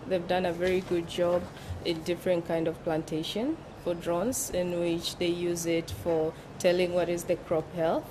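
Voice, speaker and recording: A woman's voice: on the low side, noisy background. A woman from Tanzania, explaining things patiently as a guest on a conference panel, with fillers between her points. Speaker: panel guest, drone operator. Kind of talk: panel discussion. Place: conference exhibition stand.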